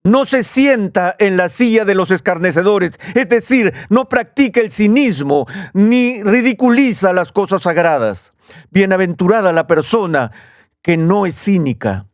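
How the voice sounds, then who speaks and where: A man preaching a sermon in a measured teaching tone, slowing down to stress key phrases. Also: high-pitched, lively intonation, no room sound, studio quality.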